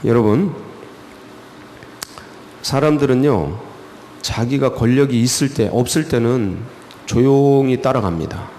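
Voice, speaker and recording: A male pastor preaching a dawn sermon in a church, animated and colloquial, firing off rhetorical questions. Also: mid-range voice, a little slow, long pauses, big-room sound, slight background noise. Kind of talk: early-morning sermon. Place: church sanctuary.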